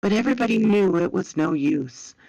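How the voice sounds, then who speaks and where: Woman, storyteller, dramatic narration, very creaky voice, dry close sound. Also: mid-range voice, lively intonation, warm tone, dry recording, highs cut off. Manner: slow, measured, dramatic.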